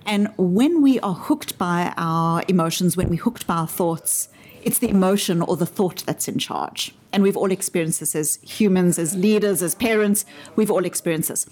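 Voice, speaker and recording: A woman with a South African accent, answering interview questions in a measured, articulate way and using everyday examples to make her points. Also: fairly low pitch, a little mellow. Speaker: interview guest explaining her framework.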